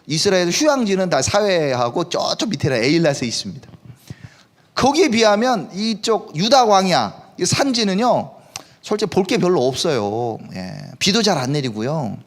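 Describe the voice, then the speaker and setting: A man's voice: sits high, very animated, normal speed. A male pastor preaching a sermon at a live service in a worship hall, in a conversational way, often putting questions to the congregation.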